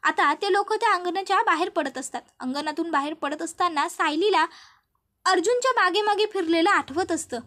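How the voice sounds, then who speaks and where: A woman's voice: very high-pitched, normal speed, a bit bright. A woman narrating a recap of a TV serial as a story, explaining scenes step by step and speaking directly to her listeners.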